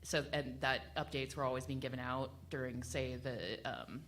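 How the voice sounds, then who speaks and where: A woman with a very deep, steady voice speaks at a moderate pace, with background noise present. As a radio panelist at a live venue discussion, she talks spontaneously and casually, rambling, correcting herself, and tossing in offhand asides.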